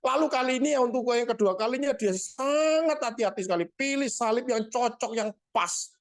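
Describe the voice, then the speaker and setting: A man's voice: very high-pitched, expressive, fairly quick. A male pastor with an East Javanese accent tells a story from the pulpit in a conversational way. He speaks straight to the congregation as he goes. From Surabaya, Indonesia. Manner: conversational, addresses congregation directly. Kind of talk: sermon storytelling.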